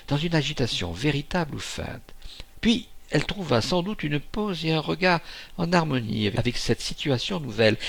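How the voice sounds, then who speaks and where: A male volunteer narrator reading a classic novel aloud with lively, swooping intonation and a gravelly, creaky texture. He reads expressively, now and then stumbling briefly over a word. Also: a little high. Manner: expressive reading with occasional hesitations. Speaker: volunteer audiobook reader. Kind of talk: audiobook narration.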